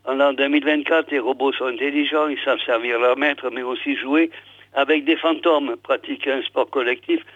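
A man's voice: medium pitch, fairly even intonation, normal speed, no echo. A man reading a novel aloud on the radio, stopping often to comment, with many fillers and restarts. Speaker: radio reader. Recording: dry, phone-like radio sound.

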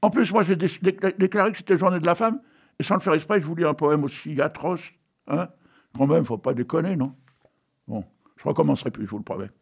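A man's voice: fairly high pitch, fairly quick, vocal fry, husky. A man hosting a radio show, reading a poem aloud and breaking off into jokey, digressive asides full of tag questions. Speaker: radio host.

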